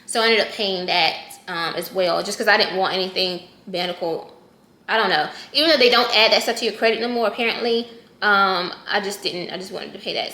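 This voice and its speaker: A personal finance vlogger in her thirties does a casual check-in in a bright, forceful, mid-range voice. She chats loosely, corrects herself mid-thought and addresses her viewers directly. The recording has a roomy echo.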